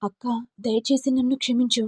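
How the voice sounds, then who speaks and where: A vengeful middle-aged mother-in-law, raised and loud, as a woman reading a story puts her on. She hurls accusations in a husky, mellow voice, set dry and close. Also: a little high, fairly even intonation, moderate pace, dry recording. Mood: pleading. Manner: shouting accusations.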